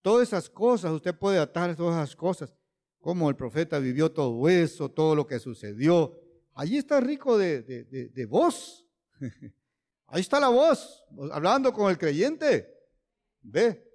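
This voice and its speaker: Animated high-voiced male preacher. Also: measured pace. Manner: keeps asking "¿ve?" and "¿verdad?"; swings from loud emphatic lines to low quiet asides. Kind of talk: sermon.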